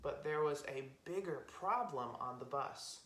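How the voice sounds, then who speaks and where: Speaking a little slowly in a low-pitched, somewhat bright voice, a woman chats and tells stories to young children at storytime, keeping her explanations plain and direct. Music plays in the background, and the room gives an echo.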